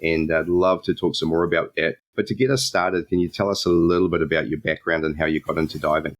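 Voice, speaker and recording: A man hosting a diving podcast, reading a measured intro and then chatting with his guest in a friendly way. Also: extremely low pitch, steady tone, no echo. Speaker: podcast host. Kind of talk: scripted intro then casual interview.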